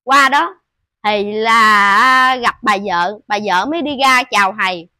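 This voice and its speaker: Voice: medium pitch, measured pace, bright, forceful tone, smooth, no room sound. A preacher with a Southern Vietnamese accent giving an informal sermon, telling stories to the listeners and chanting lines of religious verse.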